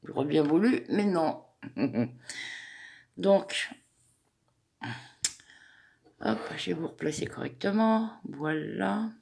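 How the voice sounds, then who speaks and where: A woman walks viewers through a crochet pattern step by step, chatty and hesitant, counting each stitch aloud. She speaks slowly and unhurriedly, and her voice has a gravelly edge. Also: low-pitched, lively intonation, a little mellow. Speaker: crochet tutorial host. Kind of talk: step-by-step craft tutorial.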